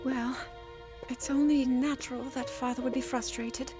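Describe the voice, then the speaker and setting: An actress playing an earnest, dutiful young princess in a video game, formal and anxious. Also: female voice, sits high, steady tone, normal speed, close to an everyday voice. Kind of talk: video game cutscene acting. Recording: loud music over the voice.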